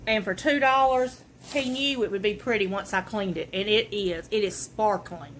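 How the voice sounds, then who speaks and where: Speaking at a normal speed with a medium-pitched voice, a woman shows her secondhand finds to the camera from her living room in a folksy, casual way. There's slight background noise in the clip.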